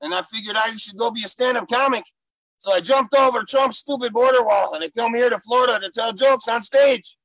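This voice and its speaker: A man doing a gravelly gorilla comic. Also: extremely high pitch, brisk, no echo, exaggerated voice, low-quality recording. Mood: boastful. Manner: broken-English put-on accent, loud bursts. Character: gruff male gorilla stand-up comic, bragging and silly. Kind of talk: improvised comedy character interview.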